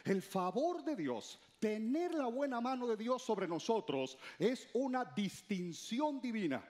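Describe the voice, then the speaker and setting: A male pastor delivering a sermon in a high voice. His pitch rises and falls sharply as he stresses key phrases. He has the congregation repeat words back to him. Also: very animated, unhurried, darkish tone. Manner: reads scripture aloud, then stresses key phrases.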